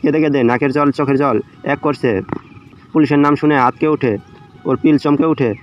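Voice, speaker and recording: A man's voice: on the high side, steady tone, moderate pace. A man narrating a dramatic romantic story as an audio storyteller. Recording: dull lo-fi audio under music. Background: background music.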